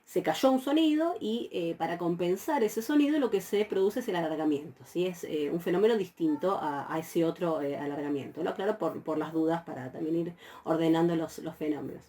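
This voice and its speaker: A woman's voice: on the low side, brisk, hardly any pauses, warm tone, slight background noise. A woman from Argentina, teaching a university Greek grammar class with patient explanations and frequent fillers. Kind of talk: recorded lecture.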